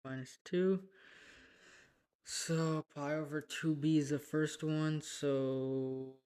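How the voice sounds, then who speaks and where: A student streamer working math problems out loud, muttering and correcting themselves. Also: mid-range voice, steady tone, takes it slowly, clear, resonant tone. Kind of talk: thinking aloud while doing homework.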